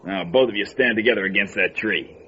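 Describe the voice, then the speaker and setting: In an old-time radio thriller captured on a dull, noisy lo-fi recording, an actor plays a cold, cocky hitman who sneers menacingly in tough gangster slang. His voice is fairly low, brisk, bright and forceful.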